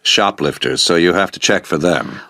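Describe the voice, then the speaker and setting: A man's voice: deep voice, moderate pace, creaky, bright, forceful tone, dry recording, clean studio sound, heavily acted. A man playing a polite shop manager who explains things courteously in a scripted listening-test dialogue. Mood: courteous, informative. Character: polite male shop manager briefing a new employee.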